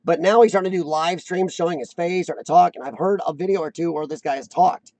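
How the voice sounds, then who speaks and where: A man hosting a casual live-stream chat rambles and pokes fun at himself, often circling back mid-sentence. His fairly high voice has a gravelly rasp and a darkish tone, and he talks fast. The recording is dry and close, with no room sound.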